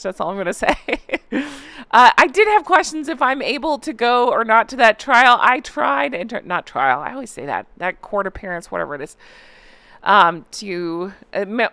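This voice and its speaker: Hosting a celebrity gossip recap, this woman is chatty, opinionated, and casual, mocking and sarcastic with plenty of exclamations. Her mid-range voice has a sharp tone, and the recording is dry.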